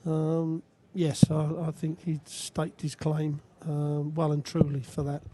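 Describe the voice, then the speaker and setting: A male darts co-commentator talks in a conversational, analytical way. His voice sits a little high but has a very soft, mellow tone, with faint noise behind it. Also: completely flat delivery, slow. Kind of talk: conversational live sports commentary.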